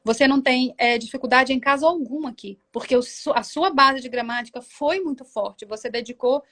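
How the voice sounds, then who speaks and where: A woman's voice: high voice, brisk, a bit bright. A woman teacher hosting a reading club, summing up and encouraging her guest. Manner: encouraging, praising the guest's analysis.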